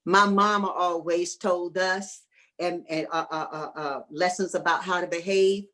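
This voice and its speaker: A woman's voice: fairly low pitch, fairly even intonation, unhurried, fairly bright tone. Earnest woman giving a motivational talk. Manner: earnest, preacher-like emphasis. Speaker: guest speaker. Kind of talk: motivational speech.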